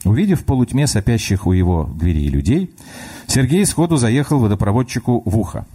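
A man reading his own humorous story aloud on radio, expressive and lively. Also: lowish voice, brisk, slightly rough. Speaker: author reading his stories. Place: radio studio.

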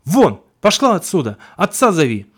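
Harsh old village healer lady, bossy, yells orders, kinda high voice, a guy doing her. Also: animated, normal speed. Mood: shouting. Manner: harsh, commanding shouts. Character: stern old village healer woman, scolding.

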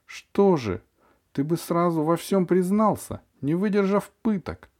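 An exasperated mother, played by a male reader, her voice lifted high as she pleads with and guilt-trips her child. She talks in a hurt, reproachful way that turns cold and threatening. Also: very animated, unhurried, darkish tone. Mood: pleading. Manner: pleading, then coldly threatening. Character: exasperated mother scolding her stubborn son.

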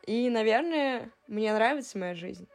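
A woman in her twenties co-hosting a podcast, chatting casually in a relaxed, hedging way. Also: on the high side, a little slow, creaky. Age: 20s. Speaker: podcast co-host. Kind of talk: casual chat.

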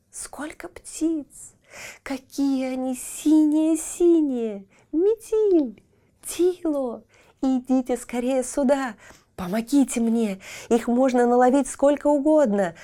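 A woman's voice: on the low side, mellow. A woman voicing a curious, determined young boy in a children's audio fairy tale. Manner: eager and questioning, resolute.

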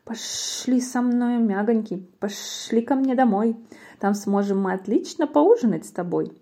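A woman voicing a sly, hungry female snake in a storybook, coaxing in a hissing, breathy voice. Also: fairly high pitch, animated, a little slow, mellow, exaggerated voice. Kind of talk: storybook reading in verse.

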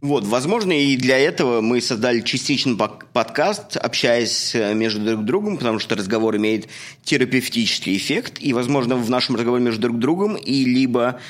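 A man's voice: mid-range voice, expressive, a little fast. A man in his thirties from Russia, co-hosting a casual podcast and talking earnestly with fillers. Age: 30s. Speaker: podcast co-host. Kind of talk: casual chat.

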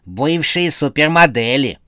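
A man's voice: on the high side, lively intonation, a little slow, pushed and bright, dry recording, studio quality. A man voicing a cheerfully morbid woman who teases with macabre jokes in a comic horror audiobook. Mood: teasing. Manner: cheerful, teasing.

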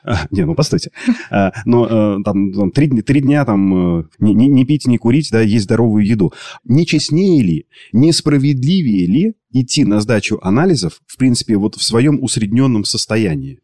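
A man's voice: mid-range voice, lively intonation, moderate pace, mellow, no echo, studio quality. A man hosting a jokey conversational interview, with a lisp that makes his sh sounds slushy and a playful, mock-grand, wordy manner. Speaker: host.

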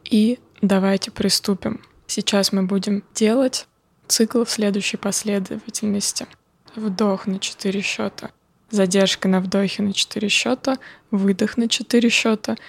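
A woman guiding a breathing meditation, calm, soft and measured, slowly counting breaths with pauses. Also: mid-range voice, gravelly, dry recording. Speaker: breathing exercise guide.

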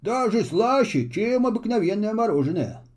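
A man's voice: sits high, very animated, normal speed, a little mellow, voice pushed up. A man doing a hearty, bearded forest wanderer. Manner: hearty and exclaiming. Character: good-natured bearded little male forest wanderer. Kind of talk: children's storybook reading.

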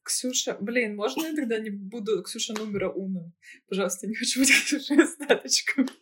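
A woman's voice: fairly high pitch, brisk, fairly bright tone, a little hiss or hum. A woman guest on a podcast, talking casually in a theatrical, self-mocking way and swearing freely. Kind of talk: casual chat. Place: remote video call.

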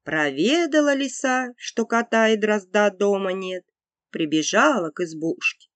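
Casting: female fairy-tale narrator, expressive, slightly slow, lively pitch, dry close sound. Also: no echo. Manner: unhurried, expressive folk-tale telling. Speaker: storyteller.

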